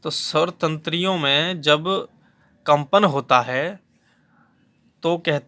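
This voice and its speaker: A man's voice: on the high side, slow pace, bright, forceful tone. A man teaching a lecture on phonetics for exam preparation, patiently repeating key terms and sounding out letters to demonstrate them. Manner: patient, repeats key terms and demonstrates sounds aloud, frequent "theek hai" check-ins.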